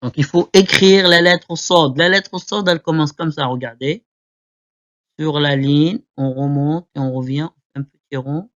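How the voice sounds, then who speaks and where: A man teaching Arabic letters to beginners, repeating each word slowly for learners to copy. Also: fairly high pitch, fairly bright tone. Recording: dull lo-fi recording.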